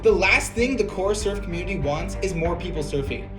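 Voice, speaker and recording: A man's voice: high-pitched, lively intonation, a little fast. A man vlogger reading a hate comment aloud in a sarcastic, theatrical way. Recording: background music.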